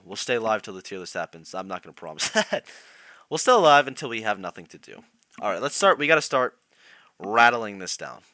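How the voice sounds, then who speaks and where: A man's voice: sits low, pushed and bright, dry recording. A young man on a live stream, chatting casually about competitive players and reacting to chat, laughing often.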